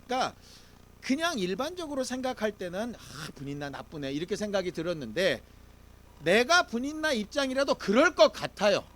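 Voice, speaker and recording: A male pastor delivers a Sunday sermon in a high voice that leaps up and down. He talks in an easy, conversational way and keeps asking the congregation questions. Now and then he leads everyone in reading scripture aloud. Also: sing-song, brisk, a bit bright. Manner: conversational preaching with rhetorical questions.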